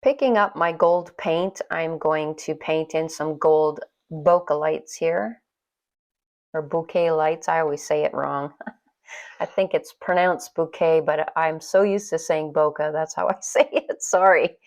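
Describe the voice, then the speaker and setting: A woman's voice: sits low, a little slow. A middle-aged woman narrating a casual painting tutorial in a chatty, self-deprecating way. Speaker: watercolor painting instructor.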